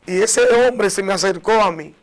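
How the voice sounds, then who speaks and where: A man sharing a personal faith testimony, earnest and emotional, often restarting and dropping to a softer voice. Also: high voice, moderate pace. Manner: earnest and emotional, with many restarts and soft drops in volume.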